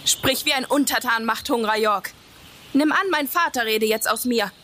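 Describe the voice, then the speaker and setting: A woman's voice: on the high side, moderate pace, fairly bright tone, lightly acted. A woman playing a proud, defiant captive young prince, haughtily declaiming classical verse. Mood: defiant, accusing. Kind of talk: classical stage verse acting. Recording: faint ambient noise.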